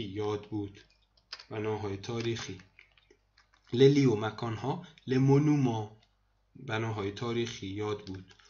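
A man teaching vocabulary to students in a screen lesson, repeating each word slowly and explaining it. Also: medium pitch, warm tone, highs cut off. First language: Persian. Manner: repeats words slowly, addresses students as kids. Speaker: language teacher.

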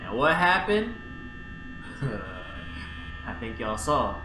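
Man, twenties, casual gameplay chat, mid-pitched voice, echoey room, game music behind. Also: lively intonation, moderate pace, noisy background. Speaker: gaming video co-host. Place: indoor room. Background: horror game music and sounds.

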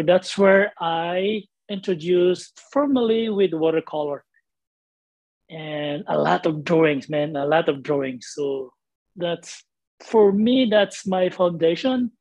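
This guest painter, a Filipino-accented man in his forties from the Philippines, speaks slowly in a slightly high voice while being interviewed on a video call from his home studio. He is relaxed and rambling, laughing often and using fillers. The webcam recording is dry and of low quality.

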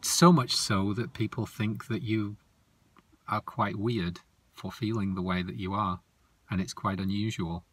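A man voicing a cheerful, calm male monster who explains things in a lively, earnest way. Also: on the low side, unhurried, breathy edge.

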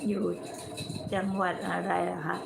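A woman's voice: lowish voice, level tone, unhurried, vocal fry, noisy background. A woman from southern Thailand with a mix of Southern and Bangkok Thai accents, chatting on a late-night livestream with fans in a blunt, coarse-tongued way. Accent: Southern Thai mixed with Bangkok Thai. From Nakhon Si Thammarat, southern Thailand. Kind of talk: casual late-night live chat. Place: indoors in a room.

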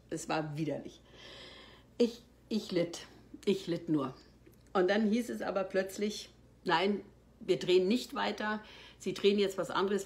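A woman, an actress, telling behind-the-scenes anecdotes in an animated way, jumping from loud bursts to hushed, almost whispered asides. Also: mid-range voice. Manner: expressive, swings from loud outbursts to hushed near-whispers.

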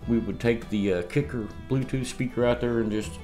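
His medium-pitched, mellow voice runs a little fast with fairly even intonation, and soft music plays in the background. This homesteading vlogger in his fifties tells rambling stories in a casual chat at his indoor dining table. A camera across the table captures his laughs and restarts.

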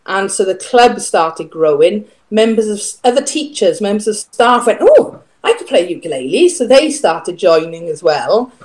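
A middle-aged music teacher from Wales, with a Welsh accent, joins a casual interview as a guest over a video call webcam from a room in her home. Her mid-range, slightly mellow voice is very animated, moving at a moderate pace with hardly any pauses. She's chatty and friendly and explains things at length.

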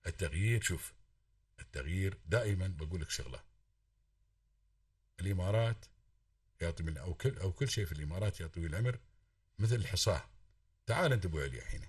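A man's voice: deep voice, animated, fast talker, pauses often, dry recording, clean studio sound, recorded from a distance. A man with an Emirati accent calling in to a radio talk show, lecturing fervently and swearing oaths to stress his points. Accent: Emirati Arabic. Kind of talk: impassioned call-in talk.

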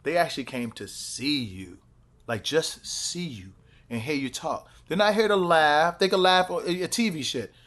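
A man's voice: a little high, moderate pace. A male stand-up comedian from Chicago chatting on a podcast, telling road stories and acting out crowd voices. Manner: animated storyteller, acts out crowd voices. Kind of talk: casual podcast chat.

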